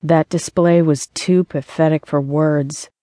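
A woman voicing a blunt, sardonic young female roommate in an audiobook, speaking in a dry monotone. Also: low-pitched, takes it slowly, dry recording.

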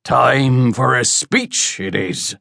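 A man voicing a burly, boastful axeman who is tipsy, with a deep rumbling voice and slow, swaying delivery. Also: vocal fry, sharp tone, no room sound, clean studio sound, exaggerated voice. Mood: gruff. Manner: tipsy, swaying, hiccuping toasts. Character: burly drunken male axeman, boastful and gruff.

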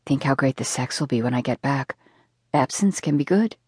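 A woman voicing a bold, blunt young female FBI agent who talks in a brisk, offhand way. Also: fairly low pitch, animated, dry recording, studio quality, voice pushed up. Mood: whispering.

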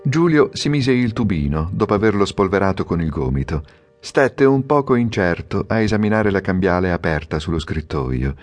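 Guy reading an audiobook, lowish voice, pitch moves around a lot, measured. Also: expressive, soft background music. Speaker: audiobook narrator. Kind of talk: scripted narration.

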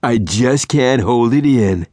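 Smug, slow-drawling barfly voiced by a male narrator; higher than his own voice, dry close studio sound. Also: expressive, darkish tone, no room sound. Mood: leering. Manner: slow smarmy drawl, pleased with himself. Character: sleazy young man hitting on a woman with pickup lines. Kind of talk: audiobook character voice.

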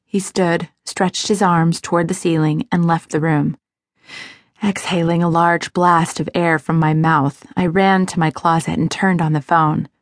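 A woman narrating a first-person audiobook in a measured, expressive way. Her voice is low-pitched and the recording is dry and close, with no room around it. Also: no room sound.

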